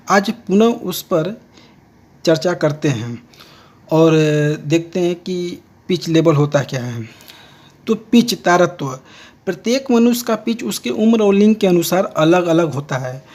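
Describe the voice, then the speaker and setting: A man's voice: high-pitched, animated, a little slow, darkish tone. A man teaching a lesson and explaining each point step by step. He often repeats key words and restates them. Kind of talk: lecture on speech errors.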